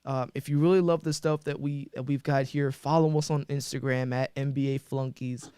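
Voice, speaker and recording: A man's voice: medium pitch, fairly even intonation, moderate pace, warm tone, smooth, no room sound. A man hosting a casual sports podcast, talking loosely with friends and rambling through his sign-off with plenty of ums and uhs. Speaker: podcast host.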